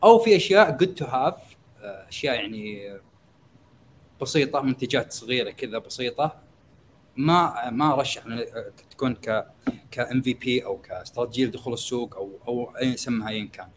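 A young man with a Gulf Arabic accent explaining conversationally as a guest expert, hesitant and pausing as he thinks aloud. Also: medium pitch, a little hiss or hum. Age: young adult. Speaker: guest expert in startup marketing.

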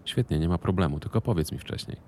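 A man's voice: deep voice, expressive, fast talker, darkish tone, a little hiss or hum. A man voicing a middle-aged woman who runs a business and worries about her son, speaking firmly and guardedly. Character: middle-aged woman boss, anxious protective mother.

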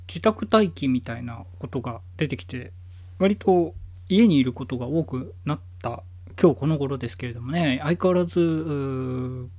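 A man's voice: mid-range voice, moderate pace, no echo. Rambling male podcast host, dry close sound. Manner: rambling, relaxed, many fillers. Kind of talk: casual solo podcast talk. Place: home.

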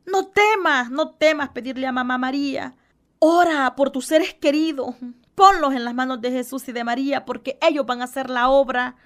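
A woman delivers a radio sermon in a high, bright register. Her preaching is fervent and pleading, full of repeated exclamations of devotion. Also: normal speed.

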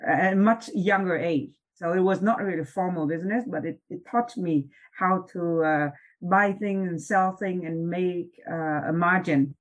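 Measured woman professor. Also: on the low side, rough recording. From Vietnam. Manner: measured, with frequent uh and um pauses. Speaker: business school professor and founder, interview guest. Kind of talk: telling her life story in an interview.

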